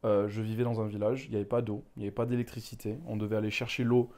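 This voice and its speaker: A man's voice: fairly low pitch, little pitch movement, rapid-fire, a little mellow. A young man from Ghana, a manga author, talking candidly and reflectively in an interview, rambling with frequent filler asides. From Ghana, West Africa.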